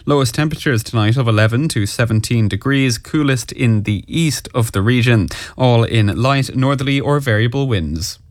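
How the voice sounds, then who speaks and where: A man's voice: mid-range voice, normal speed, hardly any pauses, no room sound. An Irish man reading scripted radio news headlines and weather as a presenter.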